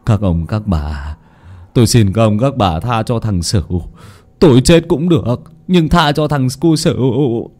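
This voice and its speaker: A man voicing a condemned old man who pleads in a slow, drawn-out wail. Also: medium pitch, lively intonation, a little mellow. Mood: begging. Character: old man condemned, begging for his son.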